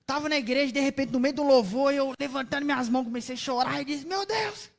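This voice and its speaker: A woman with a Brazilian Portuguese accent preaching a sermon, telling stories expressively and often turning to the audience with questions, dropping to soft asides and rising to loud exclamations. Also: sits high, fairly even intonation, fast, vocal fry. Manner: chatty, asks the audience questions.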